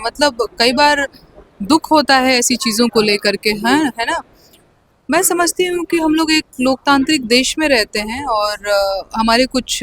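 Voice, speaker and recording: A woman's voice: on the high side, fairly bright tone, slight background noise. A young woman, answering interview questions earnestly and with hesitant fillers, growing sharper when indignant. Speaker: interview guest, folk singer.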